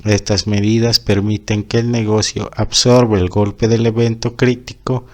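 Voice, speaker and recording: A man narrating a scripted engineering lecture in a formal, measured way. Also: on the low side, little pitch movement. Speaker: engineering instructor.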